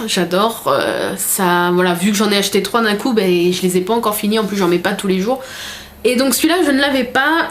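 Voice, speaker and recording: There's a little hiss or hum as a young woman with a voice on the high side unboxes a gift parcel in a casual vlog. She gushes over each thing she pulls out, her chatter packed with fillers.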